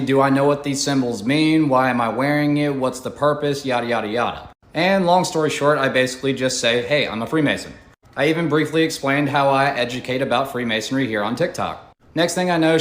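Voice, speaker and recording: A man, a social media creator, casually telling his side of a story in a colloquial, matter-of-fact way. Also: mid-range voice. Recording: echoey room.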